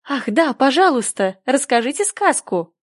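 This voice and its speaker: A woman's voice: high voice, very animated, normal speed, no echo, studio quality. A woman reading the part of a polite, earnest young girl in a storybook who takes offense easily. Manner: prim, earnest.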